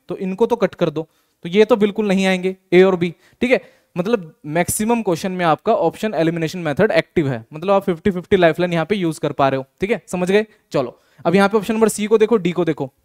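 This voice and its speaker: A man's voice: high voice, a little mellow. A young Indian man teaching physics, talking students through exam questions and asking himself rhetorical questions. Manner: reads English question text slowly. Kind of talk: exam solution walkthrough lesson.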